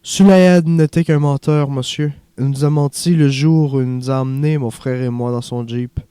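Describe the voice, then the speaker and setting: A man voicing a young male refugee who dreams of acting, earnest and haunted, in a soft confiding way, for an audiobook. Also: medium pitch, steady tone, normal speed, clean tone, dry recording, clean studio sound, close to an everyday voice.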